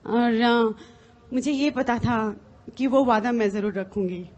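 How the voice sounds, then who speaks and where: Middle-aged lady giving a motivational talk, earnest, bit high-pitched, lots of ums. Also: slow, a little mellow, highs cut off. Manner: earnest, hesitant with fillers. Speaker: motivational speaker. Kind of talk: motivational speech.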